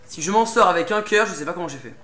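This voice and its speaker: A man's voice: high-pitched, animated, fast talker, fairly bright tone, a little hiss or hum. A young man doing casual commentary while playing a game, getting worked up, pleading with and swearing at a boss. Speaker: let's play gamer. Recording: game music behind the voice.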